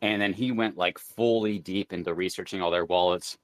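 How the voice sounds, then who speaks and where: Low-voiced rambling male crypto host. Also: steady tone, normal speed, no echo. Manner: rambling, thinks aloud with many fillers. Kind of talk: casual live audio chat.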